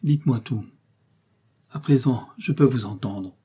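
A man voicing a shaken young gentleman who cries out in high, strained bursts, in an audiobook reading. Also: measured pace, breathy edge.

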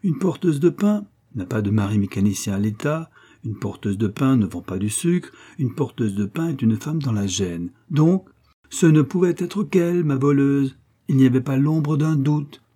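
A man voicing a pompous, doddering elderly gentleman who lectures his friend with boastful, self-satisfied reasoning in a storybook reading. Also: medium pitch, lively intonation, moderate pace, husky, pitched above the performer's own voice.

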